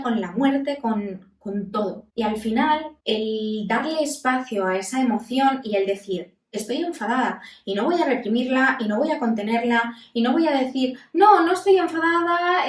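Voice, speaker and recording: Candid woman psychologist in echoey room. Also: a little high. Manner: calm, candid, with many pauses. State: voice breaking with emotion. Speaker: psychologist and podcast host. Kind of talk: reflective self-help talk. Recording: roomy echo, mic at a distance.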